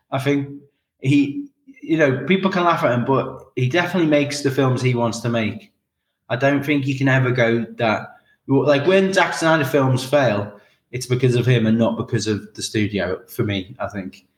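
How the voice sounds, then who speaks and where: A man's voice: mid-range voice, normal speed, reverberant, low-quality recording. A man hosting a casual film podcast, joking and rambling with mock outrage. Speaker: podcast host.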